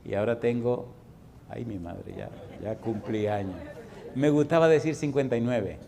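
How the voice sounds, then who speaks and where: A Dominican man in his sixties preaching a sermon, swinging from loud exhortation to hushed, folksy storytelling. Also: medium pitch, normal speed, gravelly, crowd noise, background noise. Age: 60s. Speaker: pastor.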